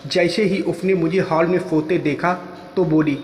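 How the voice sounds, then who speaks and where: A man telling a first-person story in plain, steady narration. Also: on the high side, moderate pace, a little hiss or hum. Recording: echoey room with long reverb.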